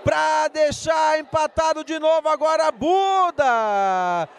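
Explosive high-pitched Brazilian goal commentator, man. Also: a crowd in the background. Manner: explosive goal commentary, shouting goal calls with drawn-out words. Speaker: futsal match commentator. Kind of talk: live play-by-play sports commentary. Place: indoor futsal gym. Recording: noisy sports hall ambience.

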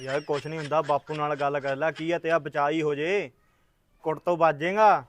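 A man's voice: fairly high pitch, steady tone, fairly quick, dry recording, lightly acted. A man playing a breezy village friend who keeps telling his pal that nothing will happen. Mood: reassuring. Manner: breezy, reassuring. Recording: music playing underneath.

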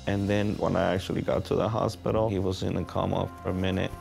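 A middle-aged man recalling events haltingly, his voice breaking with fresh grief. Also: low-pitched, flat delivery, gravelly, over music. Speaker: bereaved father giving testimony. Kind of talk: personal recollection in interview. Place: office meeting room.

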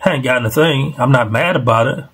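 A man in his forties rambles through a casual personal vlog from a small bedroom at home, poking fun at himself and using plenty of fillers. He speaks into a headset mic on a webcam call setup. His mid-range voice is quick and fairly bright, with a breathy edge.

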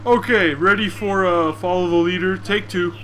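A young man swearing and shouting in panic while playing a game with friends over a desk mic. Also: high-pitched, fairly even intonation, moderate pace, background noise. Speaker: gamer. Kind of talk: casual gaming chat. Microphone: USB desk mic.

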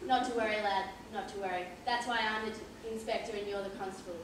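Speaking fast at a mid-range pitch with fairly even intonation, a woman gives a lightly acted turn as a pompous, patronising male police inspector interrogating people in an amateur play. The sound comes from a far audience camera on a large indoor theatre stage, leaving it noisy, distant and full of echo.

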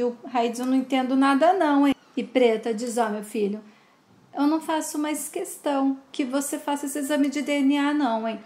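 A woman's voice: sits high, a little mellow. A woman retelling a soap opera episode in a casual, chatty way, reading out the characters' lines and commenting on them. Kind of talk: casual retelling with read-out dialogue. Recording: roomy echo.

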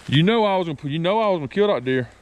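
A man from South Carolina, chatting excitedly and joking outdoors while hunting. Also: a little high. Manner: boisterous, joking, quick to laugh. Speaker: hunting vlogger. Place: outdoors in rural woods.

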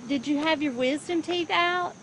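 A woman's voice: sits high, moderate pace, fairly bright tone. A woman chatting casually in a coaxing, amused way, as someone soothing a teenager. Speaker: caregiver filming and soothing a teenager. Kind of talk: casual chat. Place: outdoors, then inside a car. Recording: faint noise, handheld phone recording.

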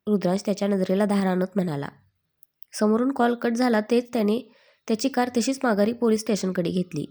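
Warm-voiced woman narrating a story. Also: medium pitch, fairly quick. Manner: expressive storytelling. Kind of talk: scripted narration.

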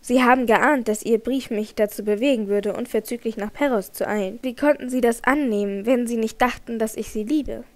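In an audiobook, a woman reads a jealous young nobleman, heated and pleading. He pushes his words out loud and insistent, in a voice pitched fairly high. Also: a little fast, few pauses, lightly acted. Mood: earnest pleading. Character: young male nobleman, jealous lover, agitated. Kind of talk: audiobook character reading.

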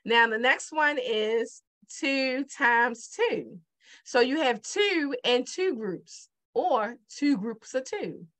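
This math teacher, a middle-aged Baltimore woman, walks through multiplication on a digital whiteboard in a chatty, informal way, asking the viewer her questions more than once. She speaks slowly in a high-pitched, fairly bright voice with lively intonation.

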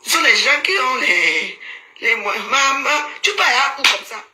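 Brief: woman, live-stream commentator, sharp bright voice, mocking and scolding, roomy phone sound. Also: fairly high pitch, lively intonation, normal speed. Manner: teasing, mocking, laughs often, scolding asides. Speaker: social media commentator. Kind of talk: casual Facebook live commentary. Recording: roomy echo, faint background noise.

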